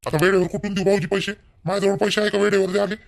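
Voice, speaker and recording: A man playing a cornered younger brother-in-law who pleads and apologizes in a low voice. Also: level tone, rapid-fire, gravelly. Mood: defiant.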